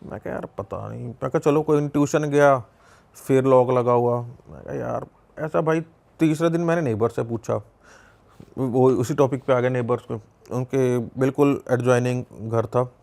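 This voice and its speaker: A man's voice: medium pitch, moderate pace, creaky, a little mellow. A young man with a Punjabi accent telling a personal story in casual conversation, repeating himself and acting out the dialogue. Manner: conversational, lots of repetition and quoted dialogue. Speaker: podcast guest.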